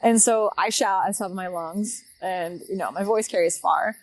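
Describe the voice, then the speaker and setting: A woman's voice: mid-range voice, rough recording. A young woman telling a personal story in a casual, reflective way, with frequent fillers. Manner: reflective, unhurried, many fillers. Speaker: guest telling her story.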